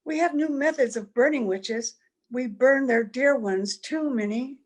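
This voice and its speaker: Recorded at home over a video call with low quality, a woman with a high-pitched, unhurried voice plays an anguished wife and mother who can never age. She sounds earnest and pleading, in the style of old-time radio drama.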